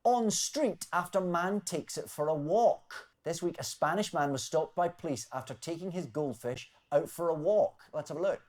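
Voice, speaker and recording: A man hosting a comedy news quiz, reading scripted jokes with wry, deadpan timing. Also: fairly high pitch, normal speed, hardly any pauses. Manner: wry, deadpan delivery of punchlines. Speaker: quiz show host.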